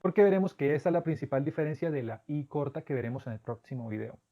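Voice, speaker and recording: A man whose first language is Spanish, patiently teaching English pronunciation step by step and repeating sample words slowly. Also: a little high, expressive, lo-fi sound. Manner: patient, methodical, drawn-out demonstration words. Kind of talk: instructional explanation.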